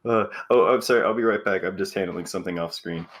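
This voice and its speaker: A man's voice: deep voice, fast talker, fairly bright tone. A man, a game developer, chatting casually on a live stream and telling stories with acted-out quotes.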